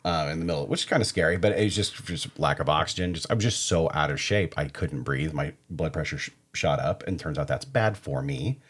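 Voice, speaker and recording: A man's voice: extremely low pitch, fairly quick, hardly any pauses, fairly bright tone, breathy edge. A man in his fifties co-hosting a podcast, chatting casually with a teasing, joking manner and often cutting in. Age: 50s. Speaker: podcast co-host. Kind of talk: casual chat.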